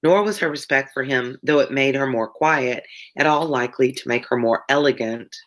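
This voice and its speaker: Her voice rumbles low at normal speed, colored by a Louisiana Southern accent and a congested, wheezy chest. This online tutor hosts a chatty live-stream read-along of a novel, frequently stopping to define words and reply to viewers.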